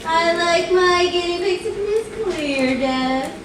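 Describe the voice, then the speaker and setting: A woman's voice: very high-pitched, unhurried. A woman playing a sly little female mad scientist, sweetly condescending and formal, in a live villain stage show. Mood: sweetly menacing. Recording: echoey hall from far off, loud noise.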